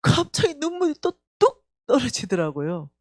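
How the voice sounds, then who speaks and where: Woman, Gyeongsang Korean accent, church testimony speaker; lively, swooping delivery; acts out dialogue; dry close sound. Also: high voice, normal speed, no room sound. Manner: animated storytelling, acting out dialogue. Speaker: church staff member giving testimony. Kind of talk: emotional revival testimony.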